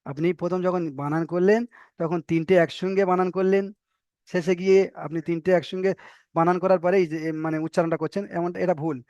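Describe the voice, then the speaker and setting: High-voiced man drilling Arabic syllables. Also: fairly even intonation, a little mellow, clear, resonant tone, dry recording, muffled recording. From Bengal. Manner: patient, repeats syllables slowly and drills them. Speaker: Quran reading teacher. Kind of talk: recorded online lesson, spelling out Arabic letters.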